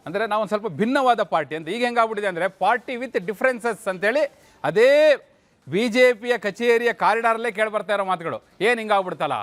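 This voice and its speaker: A man with a notably high voice talks through political news in a conversational way. He tells it like a story and keeps throwing rhetorical questions at his co-host. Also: animated, fast talker.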